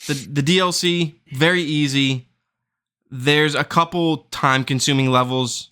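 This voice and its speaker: A man's voice: a little high, steady tone, a little slow, bright, forceful tone, smooth. A man hosting a gaming podcast in casual chat, rambling and searching for words. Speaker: podcast host.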